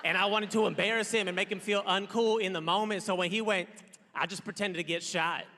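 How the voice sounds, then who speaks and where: A man in his thirties performs stand-up with a high, bright voice. He talks bluntly in a loose, irritated, chatty way. The sound comes from a big hall with a long echo and some faint hiss. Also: steady tone, a little fast. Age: 30s. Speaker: stand-up comedian. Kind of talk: stand-up comedy set. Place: large theater stage.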